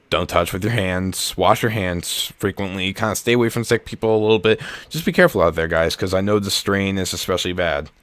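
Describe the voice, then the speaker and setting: A man's voice: deep voice, a bit bright, no room sound. A young man co-hosting a comedy podcast, explaining things at length in a blunt, casual way with some swearing. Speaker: podcast co-host. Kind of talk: casual chat.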